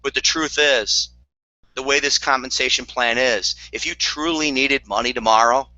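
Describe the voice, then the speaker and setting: A man's voice: medium pitch, normal speed, bright, forceful tone, dry recording. A man giving a motivational network marketing talk, earnest and repetitive, with dry sarcastic asides, on a dull lo-fi recording.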